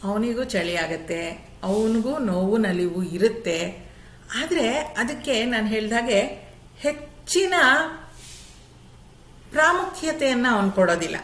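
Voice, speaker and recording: A woman's voice: fairly high pitch, animated, slow pace, pauses often, reverberant. A woman teaching a scripture class, patiently explaining verses and asking her students questions. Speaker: Gita teacher.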